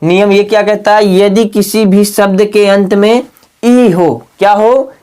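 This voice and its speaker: A man teaching English reading rules in a lesson video. He asks his students rhetorical questions and spells words out slowly, letter by letter. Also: high voice, fairly even intonation, a little mellow, clean tone. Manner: keeps asking the class rhetorical questions.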